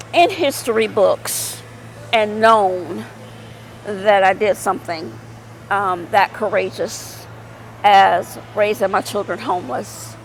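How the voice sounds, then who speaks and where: A woman's voice: mid-range voice, a little hiss or hum, rough recording. A middle-aged woman talking casually to her viewers in a rambling vlog, full of fillers and repeats. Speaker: vlogger.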